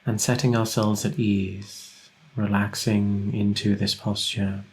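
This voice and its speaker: A meditation teacher, a man with a fairly low voice, leads a guided meditation in a very flat, steady tone. His instructions are gentle and unhurried, with long pauses between phrases. The recording quality is low.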